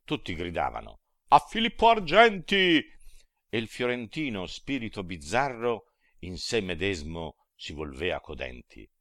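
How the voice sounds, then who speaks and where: Brief: male reader, solemn verse recitation, deep, unhurried, dry mic. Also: very animated, a bit bright, dry recording. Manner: solemn, grave declamation of verse. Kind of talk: dramatic poetry recitation.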